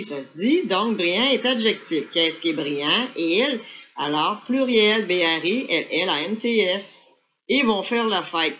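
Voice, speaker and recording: A woman's voice: medium pitch, a bit bright. A woman teacher, reading a dictation aloud and then correcting it, spelling words out letter by letter. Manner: slow, deliberate dictation pace. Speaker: French teacher. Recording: dull lo-fi recording.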